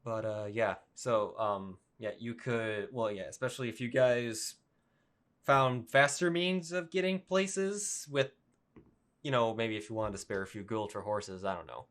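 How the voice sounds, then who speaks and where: Low-voiced male game master. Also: measured pace, a bit bright. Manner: rambling, filler-heavy, laughing. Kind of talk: running a tabletop game over voice chat.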